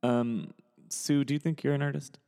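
A man's voice: mid-range voice, fairly even intonation, moderate pace, gravelly, mellow, smooth. A man interviewing in a casual, rambling, informal way, in a large studio with big hall echo. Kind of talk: casual chat.

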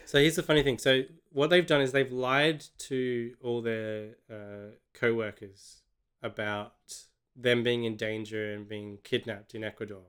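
An Australian man reviewing a film in casual chat, his voice smooth and resonant. He talks sardonically and rambles, often restarting his sentences. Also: medium pitch, level tone, unhurried, a bit bright. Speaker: podcast co-host.

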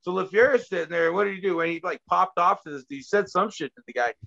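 A man's voice: high voice, fast talker, gravelly, no room sound, dull audio. A man telling wild road stories in casual chat, swearing and laughing. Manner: animated, profane, laughing storyteller. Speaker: guest, former wrestler. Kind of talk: casual storytelling.

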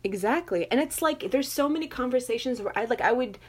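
A young woman with a Moroccan family background, chatting casually and telling animated personal stories, full of fillers and laughter. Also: a little high, fairly quick, husky. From Moroccan family, grew up in an English-speaking country. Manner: animated storytelling, lots of fillers, laughs often. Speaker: guest. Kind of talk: casual chat.

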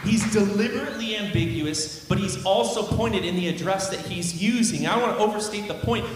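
Guy preaching a sermon, fairly high voice, punchy and emphatic, lots of hall reverb. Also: a little fast, background noise. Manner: emphatic, varies pace and loudness for stress. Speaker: pastor. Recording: very echoey hall with long reverb.

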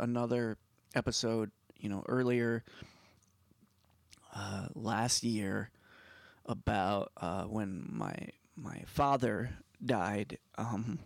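A man hosting a podcast in casual, unscripted talk, haltingly and often repeating words as he goes. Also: lowish voice, creaky, no echo. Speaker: podcast host.

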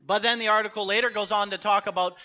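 A man preaching a sermon, telling a Bible story with lively acted-out dialogue. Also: sits high, fast. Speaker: pastor.

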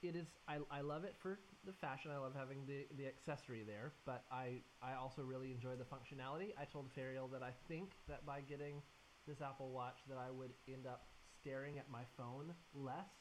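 A man's voice: mid-range voice, fairly even intonation, fairly quick, low-quality recording. A man co-hosting a podcast in casual chat, trading joking asides and reflecting at length. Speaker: podcast co-host. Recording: faint hiss.

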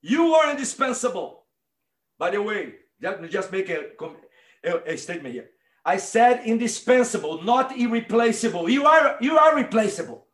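A male pastor with a Brazilian Portuguese accent preaches in a high, ringing voice. He talks straight to the congregation and drives his points home, sometimes building to impassioned shouts. The sound is roomy, like a church hall. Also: sing-song, normal speed. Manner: emphatic, building to impassioned shouts, direct address to listeners. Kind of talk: sermon.

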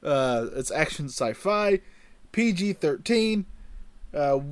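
A man's voice: on the high side, very animated, takes it slowly, dry recording. A man chatting casually as a podcast co-host, bantering his way through a quiz.

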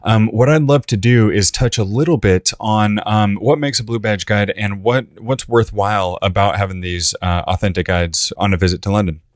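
A man's voice: fairly low pitch, moderate pace, few pauses, no echo. A man hosting a travel podcast, talking with eager enthusiasm and frequent uhs and ums as he interviews a guest. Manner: enthusiastic, fillers like uh and um. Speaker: podcast host.

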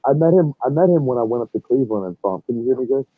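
A man talking casually as a podcast co-host, his voice muffled and thick as if coming through a wall. The line is narrow and phone-like, and his tone is husky. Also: mid-range voice, animated, racing, no room sound, soft background music. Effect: muffled, as if heard through a wall. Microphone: remote call mic.

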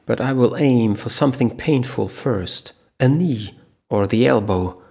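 A man voicing a ruthless, calm male terrorist leader in a spoken thriller story, cold and businesslike. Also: medium pitch, measured pace, vocal fry, slightly rough. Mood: cold, menacing.

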